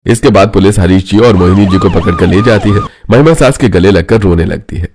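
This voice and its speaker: Deep-voiced male story narrator. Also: brisk, very noisy. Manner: even, storytelling.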